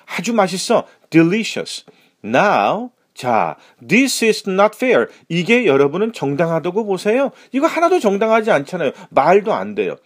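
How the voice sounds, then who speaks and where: A man with a Korean accent teaching English phrases in an animated, expressive lesson. His pitch sits fairly high and swings widely, and he speaks at an unhurried pace. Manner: lively and expressive, slow deliberate reading of English lines.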